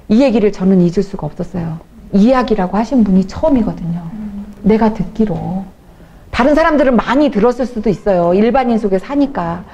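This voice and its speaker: A woman evangelist giving a testimony talk at a church event. She tells her stories in an animated way, acting out the people she quotes, and slows to a soft, earnest tone for her main points. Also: on the high side, muffled recording, a little hiss or hum.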